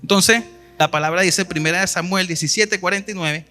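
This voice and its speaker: A man's voice: sits high, brisk, pushed and bright. A man preaching a sermon, retelling scripture stories and reading verses aloud with emphasis.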